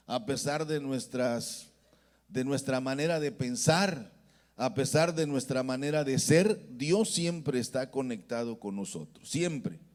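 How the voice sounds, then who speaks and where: Slow-speaking man preaching. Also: medium pitch, darkish tone. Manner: slow, deliberate preaching with call-and-response. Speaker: pastor. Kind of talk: sermon. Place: church.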